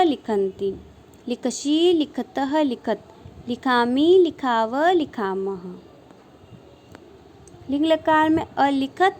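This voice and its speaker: A woman teacher slowly reciting verb forms in a measured grammar lesson. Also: sits high, a little mellow, slight background noise.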